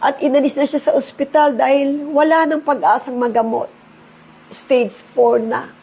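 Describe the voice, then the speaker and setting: A woman's voice: sits high, fairly even intonation, moderate pace, mellow. A middle-aged woman, giving a personal testimony in an earnest, preachy and emotional way. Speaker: insurance agent sharing testimony.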